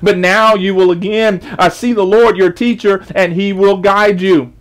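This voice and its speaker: A man's voice: sits high, fairly even intonation, unhurried. A man preaching a sermon, stretching out scripture readings and restarting his phrases with emphatic repeats.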